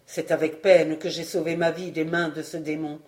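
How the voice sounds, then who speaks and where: An audiobook reader voicing a wounded, loyal old male master-at-arms, grave and measured. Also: mid-range voice, flat delivery, darkish tone, voice pushed down, lightly acted. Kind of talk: audiobook reading.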